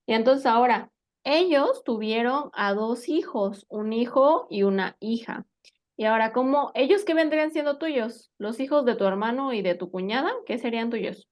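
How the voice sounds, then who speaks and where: A woman gives an English lesson in a slightly high voice. She explains each word patiently and keeps asking her students whether they follow. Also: lively intonation, moderate pace, a little mellow. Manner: patient, checks understanding with frequent questions. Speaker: English teacher. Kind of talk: spoken language lesson.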